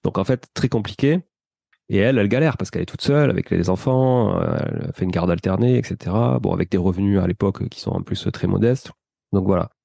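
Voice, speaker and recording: A man of around forty with a Toulouse accent speaks in a low, gravelly, mellow voice. He tells his story as a chatty interview guest. The sound is dry and close. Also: fast talker, no echo. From France. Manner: chatty, addresses the host with "tu vois".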